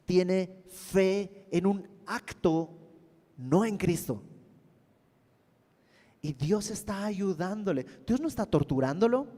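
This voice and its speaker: A man teaches a Bible study verse by verse in an earnest storytelling way. His voice sits fairly high for a man, and a long reverb trails behind every phrase. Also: animated, takes it slowly, pauses often, warm tone. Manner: earnest, storytelling, acts out quotes.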